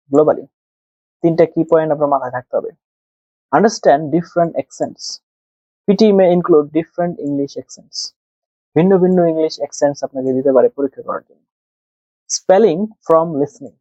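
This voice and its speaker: A man's voice: a little high, mellow, dry recording, lo-fi sound. A man from Bangladesh with a Bangladeshi accent, teaching an exam-prep lesson that mixes Bengali and English, asking and answering his own questions step by step. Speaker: exam tutor. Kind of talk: screen-share lesson mixing Bengali and English.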